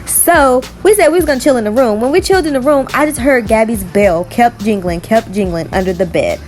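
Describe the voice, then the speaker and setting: A young woman chatting casually in a nail art vlog, talking in a lively, storytelling way full of "like" and "y'all". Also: on the high side, brisk, soft background music. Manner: chatty and animated, telling stories with lots of "like" and "y'all".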